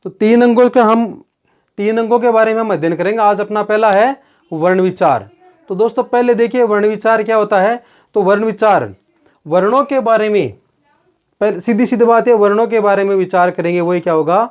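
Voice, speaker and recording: A man's voice: high voice, fairly quick. A man teaching a grammar lesson in a classroom-style lecture, explaining step by step and answering his own rhetorical questions. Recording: dull lo-fi sound.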